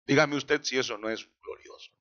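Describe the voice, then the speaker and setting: A man preaching a sermon in a church, slowing down dramatically for quoted lines. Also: medium pitch, pushed and bright, muffled recording. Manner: dramatic preaching with slow emphatic quotations. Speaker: pastor.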